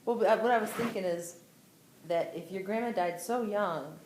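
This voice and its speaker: Speaking at a normal speed in a medium pitch, a family member chats with an older relative, drawing her out with curious, prompting questions. The home room sounds spacious, and a little noise hums underneath.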